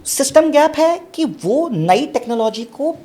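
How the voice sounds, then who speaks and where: A man's voice: very high voice, sing-song, measured pace, dark tone. A man speaking as a guest on a business podcast, giving emphatic, instructive advice and repeating his points in lists. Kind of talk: casual podcast interview, advice.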